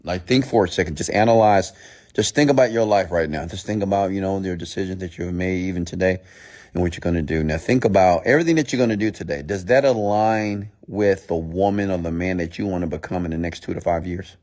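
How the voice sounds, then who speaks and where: A man with a very low voice delivers a motivational mindset talk. He is blunt and scolding, hammering points home through repetition. Rhetorical questions are thrown straight at his listeners. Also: fast talker, a little mellow. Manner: emphatic, repeats phrases and poses rhetorical questions. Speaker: motivational speaker and host.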